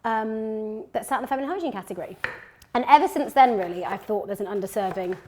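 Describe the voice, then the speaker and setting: A woman's voice: a little high, lively intonation, fast, a little mellow. English woman, 30s, casual kitchen-chat guest, rambly fillers, slight background noise. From England (Birmingham). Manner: chatty, many fillers and restarts. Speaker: guest, company founder. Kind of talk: casual chat while cooking. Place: home kitchen.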